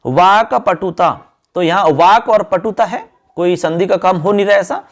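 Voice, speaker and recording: A male teacher giving an exam-focused lesson, calling his viewers friends and children and chanting verses slowly. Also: sits high.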